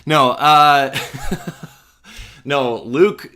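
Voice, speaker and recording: A man's voice: mid-range voice, fairly even intonation, very slow, sharp tone. Casual rambling male podcast co-host. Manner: rambling, restarts and fillers, playful. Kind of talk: casual chat about a movie trailer.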